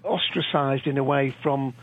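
A man's voice: medium pitch, normal speed, a little hiss or hum. A man co-hosting a casual podcast discussion, hesitant and often repeating words. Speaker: podcast co-host. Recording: muffled lo-fi audio.

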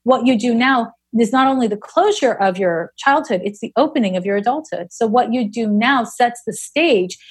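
A woman's voice: fairly high pitch, animated, normal speed, few pauses, slightly rough. A woman in her forties, an astrologer being interviewed, speaking frankly and bluntly with casual swearing. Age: 40s. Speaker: astrologer guest.

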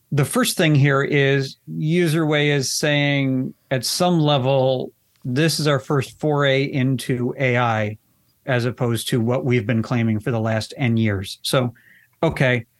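Male interview guest, mid pitch, candid and wry, restarts often, dry close sound. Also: no room sound. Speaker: accessibility expert guest. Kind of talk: conversational interview answers.

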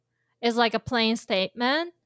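A woman with a fairly bright, smooth voice on the high side gives an informal Japanese lesson, using made-up situations and plenty of fillers. She sounds expressive and speaks at a moderate pace, recorded cleanly in a studio with no echo.

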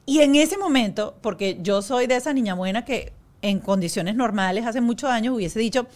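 A woman with a fairly high voice hosts a talk show. She chats in a lively, storytelling way and reads sponsor messages in the same easy tone. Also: moderate pace. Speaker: host. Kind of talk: casual chat with live ad reads.

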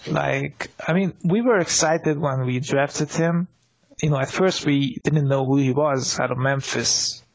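A man's voice: fairly high pitch, a little slow, gravelly. A man co-hosting a casual sports podcast, rambling with many restarts and fillers. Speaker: podcast co-host.

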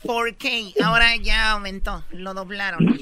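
A woman co-hosting a comedy radio show, bossy and quick to scold and tease the others on air. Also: mid-range voice, fairly even intonation, over a noisy crowd.

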